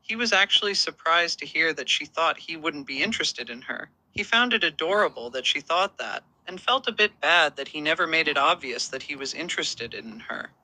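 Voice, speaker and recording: A male narrator reads a romance story in an even, steady manner. His voice sits a little high and sounds very bright and sharp. The sound is dry and close, with no room around it. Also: moderate pace, few pauses, no echo, poor audio.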